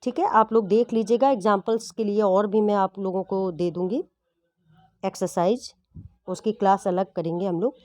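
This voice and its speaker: A woman's voice: mid-range voice, fairly even intonation, normal speed, darkish tone, no room sound. A woman teaching English grammar to exam students, explaining patiently and often checking whether the class follows. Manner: patient, repeats and checks understanding.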